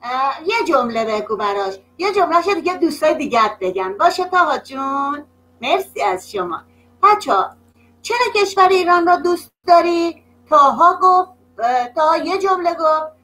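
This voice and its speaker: A woman teacher leading an online class for young children, slow and patient, drawing words out and praising often, heard over a video call. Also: sits high, lively intonation, bright, forceful tone, poor audio. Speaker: primary school teacher.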